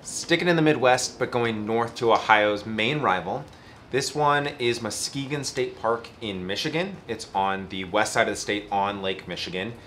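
A man's voice: fairly low pitch, normal speed, fairly bright tone, slight background noise. A man in his thirties chatting casually as a travel vlogger, seated outdoors by a camper in an easygoing, lightly joking way. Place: outdoors beside a camper trailer.

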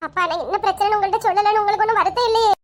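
A woman playing a squeaky-voiced pleading young daughter. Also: fairly even intonation, rapid-fire. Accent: Kanyakumari Tamil. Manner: pleading and plaintive. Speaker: married daughter in a family comedy skit. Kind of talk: comic family skit acting.

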